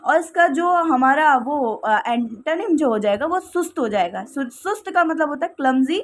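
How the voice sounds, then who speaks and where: A woman's voice: high voice, lively intonation, moderate pace. A woman teaching English vocabulary in a casual classroom style, repeating "okay" often and explaining with everyday examples.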